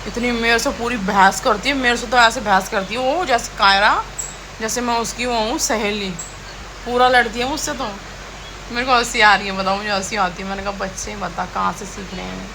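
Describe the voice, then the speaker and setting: A woman's voice: on the high side, fairly even intonation, normal speed, creaky, background noise. A young woman, a mother, chatting casually in a home vlog and scolding her children now and then. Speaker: vlogger and mother. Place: home kitchen and rooms.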